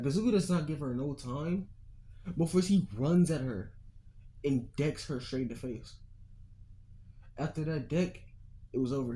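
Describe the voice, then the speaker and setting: A man improvises a fan-made what-if story in loose, slangy talk. He rambles, curses freely and stops to hunt for words, at an ordinary mid pitch. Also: dark tone, slight background noise. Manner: rambling, slangy, profane, loses track of words.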